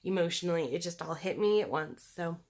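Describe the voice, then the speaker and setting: A woman with a scratchy, sore-throat voice talking in a halting, candid, conversational way, as in a casual personal video diary. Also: on the low side, a little mellow. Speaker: personal vlogger.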